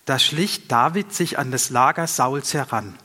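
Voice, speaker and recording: A man narrating a Bible story aloud in a steady, measured storytelling manner. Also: medium pitch, husky. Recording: long reverb.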